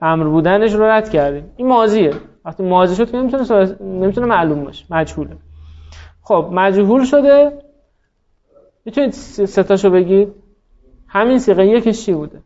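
A man's voice: sits high, lively intonation, a little mellow, dull audio. A man teaching Arabic grammar in a class, quizzing students by name and praising their answers patiently. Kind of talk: classroom lesson, drilling students.

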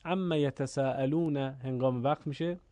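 A man teaching the rules of pausing in Quran recitation, explaining calmly and stopping to chant short verses slowly. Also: mid-range voice, dry recording. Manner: asks the listener questions and answers them. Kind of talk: tajweed lesson with recited examples.

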